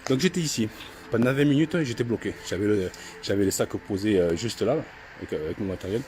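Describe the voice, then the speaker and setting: A middle-aged man filming his own paranormal investigation inside an old house on a handheld camera, talking in a halting way with many restarts. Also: lowish voice, a little mellow, a little hiss or hum. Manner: hesitant, repeats himself often. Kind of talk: casual vlog narration.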